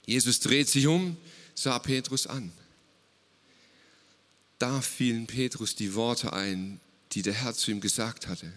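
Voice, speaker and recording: A man preaching a lively, casual sermon, retelling a Bible story and mixing English words into his talk. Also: mid-range voice, slow, long pauses, big-room sound.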